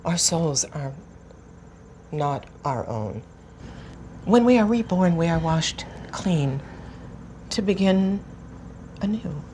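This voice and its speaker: A woman's voice: on the low side, animated, slow pace, long pauses, dark tone, slight background noise. A woman playing a stern, commanding old village mage woman in an audio drama.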